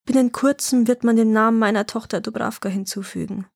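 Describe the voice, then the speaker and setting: A woman reading a storybook, voicing a grieving old prince in a measured, dignified way. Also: a little high, fairly even intonation, gravelly, dry recording, clean studio sound. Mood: sorrowful.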